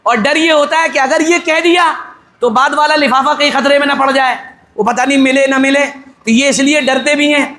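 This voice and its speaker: A middle-aged male cleric preaching at a wedding in a very high, bright voice. He talks with forceful energy and jokes with the crowd. He throws in rhetorical questions and acts out little dialogues. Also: fairly even intonation, roomy sound. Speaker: Islamic cleric officiating a wedding. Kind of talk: wedding sermon, conversational.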